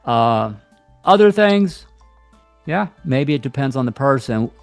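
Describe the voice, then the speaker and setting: A man's voice: medium pitch, expressive, slow, vocal fry, no echo, soft background music. A man speaking in a blunt, conversational monologue about relationships, with frequent asides and mock quotes. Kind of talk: casual monologue to camera.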